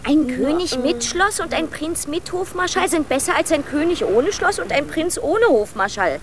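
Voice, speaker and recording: High, bold young princess. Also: female voice, expressive, normal speed, slight background noise. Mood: bold, scheming. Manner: direct, eager, theatrical. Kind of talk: children's radio play acting.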